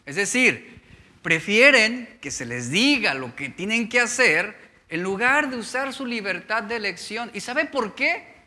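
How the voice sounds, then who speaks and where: A man's voice: high voice, sing-song, unhurried, sharp tone. A male pastor preaching a sermon, asking the congregation rhetorical questions as he reads and explains scripture.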